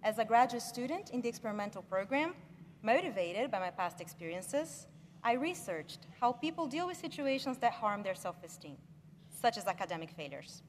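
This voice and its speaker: A young woman delivers a graduation speech from a podium, earnest and measured, pressing on important words. Her voice sits a little high, and it rings through a large hall with a long reverb. A faint wash of room noise lies underneath. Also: sing-song. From Brazil. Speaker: graduate speaker. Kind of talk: commencement speech.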